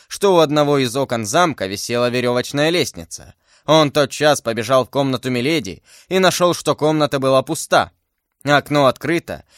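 A man reads a classic adventure novel aloud in a measured, even way. His voice sits at a middle pitch and is recorded close and dry, with no room sound. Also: dry recording. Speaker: narrator. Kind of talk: audiobook narration of a classic novel.

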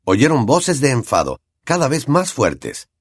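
Expressive male audiobook narrator. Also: medium pitch, a little slow, no room sound, studio quality. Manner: expressive storytelling. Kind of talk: scripted narration.

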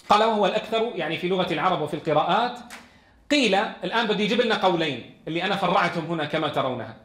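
A man's voice: high-pitched, a bit bright, echoey room. A man teaching a Quran lesson in a classroom. He reads from a text and explains it, asking his students questions.

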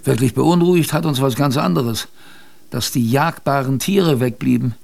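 A man with a mid-range, darkish voice and some vocal fry speaks at normal speed, playing a plain-spoken, wry sailor in a radio drama. He narrates his expedition tale in the first person, chatty and colloquial, talking straight to the listener. Faint background ambience is audible.

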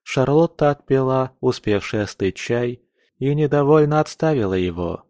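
A man narrating an audiobook in a measured, expressive reading. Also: mid-range voice, no room sound, clean studio sound. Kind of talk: scripted narration.

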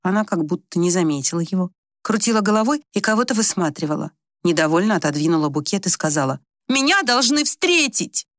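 A woman narrating an audiobook in a measured, expressive storytelling manner. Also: fairly low pitch, dry recording, clean studio sound.

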